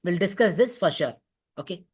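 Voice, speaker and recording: A physics teacher with an Indian accent, this woman has a lowish, darkish voice with a breathy edge, and she speaks expressively at a moderate pace. She's lecturing in an online revision class over a video call, repeating points and often checking understanding.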